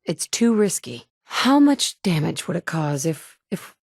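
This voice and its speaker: For a video game, a woman plays the player character, a tough survivor in a wasteland who is sardonic, blunt and dry, with sarcastic asides. Her exaggerated voice is low, gravelly and darkish, a little slow and sing-song, recorded on a close studio mic in a booth with no echo.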